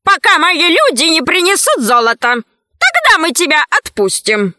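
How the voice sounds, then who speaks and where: A woman's voice: very high voice, huge pitch swings, measured pace, bright, forceful tone, no room sound, studio quality, pitched above the performer's own voice, exaggerated voice. A woman voicing a scheming male priest who runs a trial and gives orders in a storybook reading. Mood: commanding. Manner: commanding, sly.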